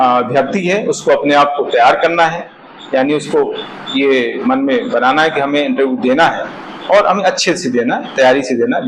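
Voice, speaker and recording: Middle-aged mp teacher guy, slightly high voice, keeps saying "right?" to students. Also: a little hiss or hum, poor audio. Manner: explanatory, repeats "है ना?" for agreement. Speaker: interview coach. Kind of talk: classroom lecture.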